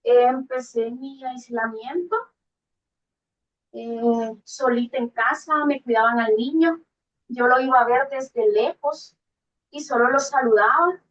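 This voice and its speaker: A woman from Guatemala giving a halting, emotional personal testimony on a phone video call, her voice dropping low when she is moved. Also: highs cut off. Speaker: class participant sharing a testimony.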